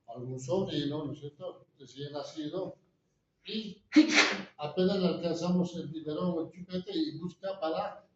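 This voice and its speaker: A man's voice: fairly high pitch, darkish tone, slight background noise. Man lecturing in an echoey classroom. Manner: asks the class constant rhetorical questions. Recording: echoey, distant, dull room recording.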